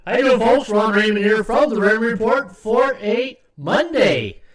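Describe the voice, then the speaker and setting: A man's voice: sits high, moderate pace. A man hosting a sports betting livestream in a chatty, filler-heavy way, his microphone sounding echoey like a tunnel. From Canada. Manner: chatty, greets viewers by name, many "uh" fillers. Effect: echoing tunnel-like sound on his microphone. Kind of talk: casual livestream chat. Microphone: USB desktop microphone. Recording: echoey hollow mic sound.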